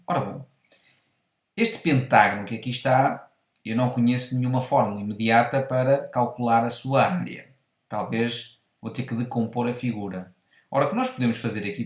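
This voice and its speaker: A man's voice: medium pitch, echoey room. A man with a European Portuguese accent explaining a math exercise step by step, methodically, and correcting himself as he goes. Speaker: math teacher. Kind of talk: whiteboard math lesson.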